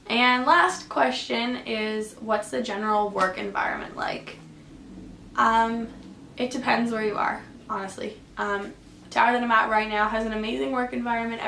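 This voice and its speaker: In this laid-back Q and A vlog, a young air traffic controller from Canada chats through viewer questions, dropping plenty of fillers and "likes." She has a slightly high voice with a sharp tone and vocal fry, recorded in an echoey room where a faint hum lingers.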